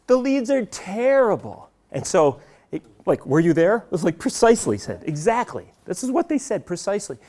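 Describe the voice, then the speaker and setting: A middle-aged man giving a live seminar talk, telling a story in an animated way and acting out what his colleagues said. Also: high-pitched, fairly quick. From United States. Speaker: seminar speaker.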